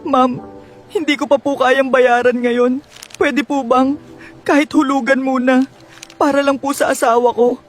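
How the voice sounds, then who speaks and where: A man's voice: very high-pitched, flat delivery, moderate pace. Male actor as desperate husband, anguished, pleading, guilt-ridden, melodrama delivery, light music underneath. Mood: humble pleading. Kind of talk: Filipino melodrama acting.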